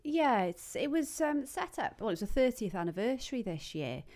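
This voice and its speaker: A woman, a running coach being interviewed on a podcast, speaking in a measured, informative way with frequent "um" fillers. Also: a little high, big pitch swings, a little mellow.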